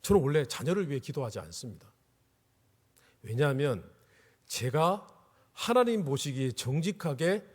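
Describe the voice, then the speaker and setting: A man's voice: on the high side, breathy edge. A middle-aged male pastor preaching a revival sermon, telling a personal story with emotion that rises to pleading cries. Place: church sanctuary. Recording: echoey church hall.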